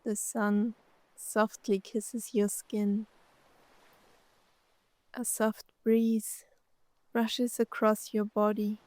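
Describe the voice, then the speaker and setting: A woman with a mid-range voice and flat delivery narrates a scripted guided meditation, gently soothing in short phrases separated by long pauses. The recording is low in quality but has no echo.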